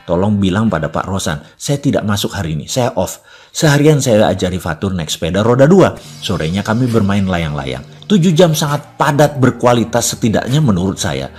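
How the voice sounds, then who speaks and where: A man in his fifties from Indonesia, narrating a personal story in a scripted motivational talk with a reflective tone. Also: lowish voice. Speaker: businessman giving a motivational talk.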